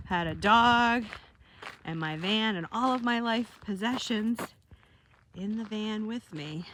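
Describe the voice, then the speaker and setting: A woman in her fifties with a mid-range voice vlogs while walking outdoors in the desert. She reminisces casually and ramblingly, often correcting herself as she goes. Background noise can be heard.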